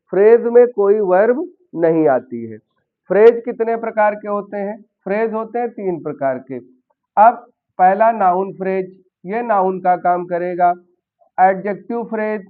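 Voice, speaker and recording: A man teaching a basic English grammar lesson in Hindi, explaining step by step and asking his learners questions. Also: sits high. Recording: tinny phone-like sound.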